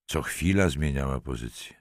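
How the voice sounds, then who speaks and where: This is a male audiobook narrator with a very low voice. His intonation is lively and expressive. The recording is dry and close, with no room sound. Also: moderate pace, no echo. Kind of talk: scripted narration.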